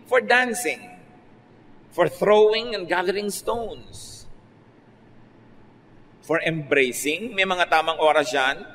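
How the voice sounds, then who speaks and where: Filipino man preaching in a reverberant hall. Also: fairly high pitch. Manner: conversational preaching, mixing Filipino and English with lively rises. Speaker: pastor. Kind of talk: radio sermon. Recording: faint noise, long reverb.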